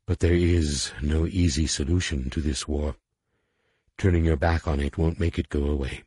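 A man voicing a calm, solemn reptilian alien warrior woman with a rough voice, who speaks formally and calls herself "this one". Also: a bass voice, normal speed, dry recording, clean studio sound. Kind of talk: audiobook character voice.

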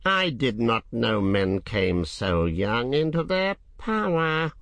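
A man voicing an ancient, cunning male dragon with a great dry voice, speaking slowly and coaxingly. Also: medium pitch, big pitch swings, fairly bright tone, dry recording, pitched above the performer's own voice, exaggerated voice. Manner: slow, coaxing, drawn-out words.

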